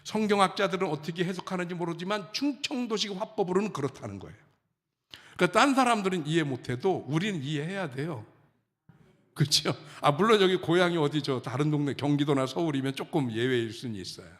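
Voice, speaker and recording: A middle-aged male pastor from Chungcheong, Korea, preaches in a loose, humorous storytelling way. His pitch rises and falls with lively swings. His voice trails off into the long reverb of a church sanctuary. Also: quick pace. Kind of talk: sermon.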